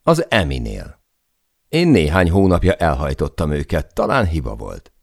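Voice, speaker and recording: A frank, offhand record-label man admitting a misstep, as a male narrator puts him on. The voice is extremely deep and gravelly, with a lot of movement in pitch, in a dry, close sound. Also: wildly swooping pitch, no room sound, exaggerated voice.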